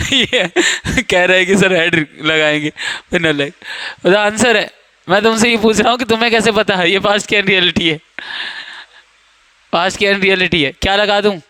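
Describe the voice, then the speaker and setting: Young male coaching-class teacher, high clear voice, playful and teasing with students, dry classroom sound. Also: fairly even intonation, normal speed, pushed and bright, dry recording. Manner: joking, teasing students, quizzing them by name. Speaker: English teacher. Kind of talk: classroom grammar lesson.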